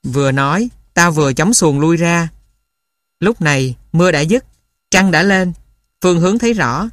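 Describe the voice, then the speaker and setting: A man reading a memoir aloud as a steady storyteller. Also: fairly high pitch, normal speed, dry recording. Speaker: narrator.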